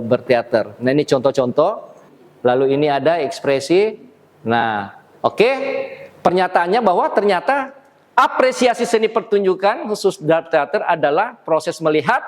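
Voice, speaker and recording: A male university lecturer giving a classroom lecture, explaining with rhetorical questions and acting out short dialogue examples. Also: on the high side. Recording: long hall reverb.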